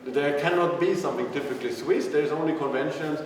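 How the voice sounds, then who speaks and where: A man's voice: fairly high pitch, fast. A man giving a live lecture, casual and irreverent, thinking aloud with frequent restarts. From Sweden. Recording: echoey hall, speaker far from the mic, faint noise.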